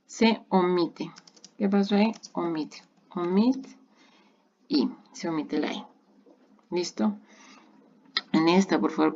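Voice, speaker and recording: A woman teaches English grammar in a recorded online lesson. Her voice sits low, with a gravelly edge. She explains patiently, step by step, repeating each example, and the recording sounds dull and lo-fi. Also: darkish tone, slight background noise.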